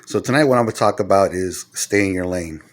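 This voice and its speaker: A middle-aged man talking casually to the camera, giving earnest advice point by point and growing loud and heated as he retells arguments. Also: deep voice, fast talker. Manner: earnest, lecturing, numbers his points. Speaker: vlogger giving life advice.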